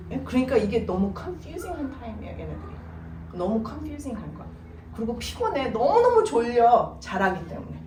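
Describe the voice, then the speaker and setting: Casting note: middle-aged woman speaker, lively pitch, church seminar, heard from afar in a roomy hall with faint hiss. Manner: animated storytelling, mixes English words into Korean. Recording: echoey room, voice from far off, faint noise.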